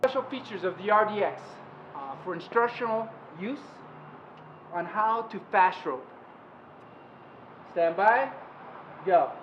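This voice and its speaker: Male instructor, high voice, clipped commanding delivery for hands-on gear training; recorded far from the mic outdoors. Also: lively intonation, slow pace, long pauses, reverberant. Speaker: fast rope instructor demonstrating rescue gear. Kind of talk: instructional demonstration with shouted commands. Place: open steel training tower, outdoors. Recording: distant muffled mic, clear outdoor noise.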